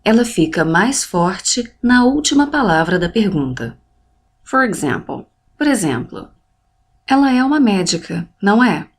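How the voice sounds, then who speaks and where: Clear, deliberate woman teaching English. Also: medium pitch. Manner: clear, deliberate, models English phrases then translates them. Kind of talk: scripted language lesson narration.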